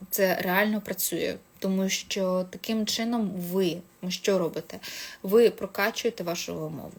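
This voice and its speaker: Woman teacher chatting about learning english, lots of ums and restarts, middle pitch. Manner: chatty, many fillers and self-corrections. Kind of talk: casual advice talk.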